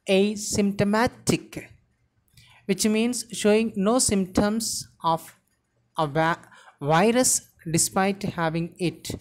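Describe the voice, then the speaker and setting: A woman teaching vocabulary, slowly spelling words letter by letter and sounding out each syllable. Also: lowish voice. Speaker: English teacher. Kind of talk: vocabulary and pronunciation lesson.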